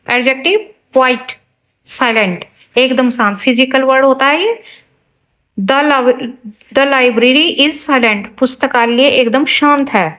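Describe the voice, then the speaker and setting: A woman teaching English vocabulary, speaking slowly and deliberately through each example, with casual asides to the listener. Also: high voice, a bit bright, rough recording. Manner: slow and deliberate, spelling out examples word by word. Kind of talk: explaining a vocabulary lesson.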